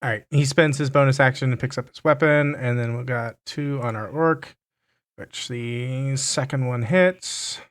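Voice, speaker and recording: A man narrating as game master, unhurried and often stumbling over his words. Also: medium pitch.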